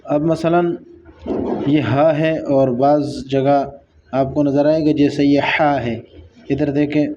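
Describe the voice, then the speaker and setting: A man's voice: fairly high pitch, steady tone, mellow. A man teaching a Quran recitation lesson, patiently repeating each sound and stretching out the recited words to demonstrate them. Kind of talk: tajweed lesson, explaining and reciting. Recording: dull lo-fi sound with faint background noise.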